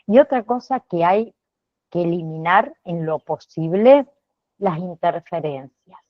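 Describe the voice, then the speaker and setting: A woman lectures at an unhurried pace, dropping a questioning "¿sí?" after almost every phrase and apologizing for her own slips. The audio sounds dry and a little dull, like a computer microphone in an online class. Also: fairly low pitch, expressive, dry recording. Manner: checks in with frequent "¿sí?" tags; apologizes and corrects herself mid-sentence. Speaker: teacher.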